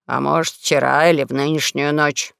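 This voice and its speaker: Woman doing a deep gruff old con-man king, menacing, growling, dry close sound. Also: fairly even intonation, moderate pace, a bit bright, dry recording, heavily acted. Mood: suspicious.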